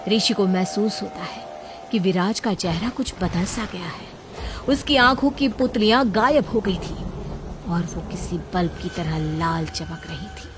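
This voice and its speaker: A woman's voice: on the low side, background noise. A woman narrating a scripted horror story, with dramatic emphasis at the scary moments. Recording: voice over loud background music.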